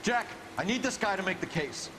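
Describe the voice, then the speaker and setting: A man's voice: sits high, animated, a little fast. A man playing an urgent, strained former Marine lieutenant turned detective in a video game. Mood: tense. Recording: game audio with very loud background noise.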